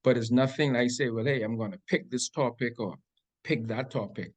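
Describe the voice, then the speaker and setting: Bahamian man, relaxed, hesitant, many ums, mid-pitched voice. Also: moderate pace. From Grand Bahama, Bahamas. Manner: laid-back, hesitant with many ums and restarts. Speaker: interview guest, reggae artist. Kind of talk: casual interview answers.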